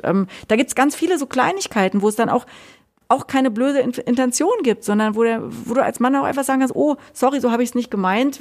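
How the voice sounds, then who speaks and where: A middle-aged woman talking candidly in a conversation, outspoken and animated, often restarting her sentences. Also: fairly high pitch. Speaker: guest, author. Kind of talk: conversational discussion.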